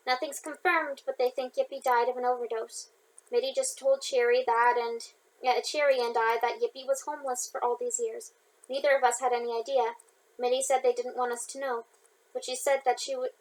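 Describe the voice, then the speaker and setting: A woman reading the lines of a grieving female friend who is crying on the phone, in her own high voice. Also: flat delivery, moderate pace, natural voice, poor audio. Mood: tearful. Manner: tearful, earnest.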